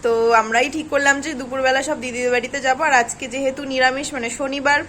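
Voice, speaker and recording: A woman's voice: high voice, fairly even intonation, fast, background noise. A young woman chatting casually to her viewers in a vlog. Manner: chatty, addresses viewers directly. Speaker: vlogger.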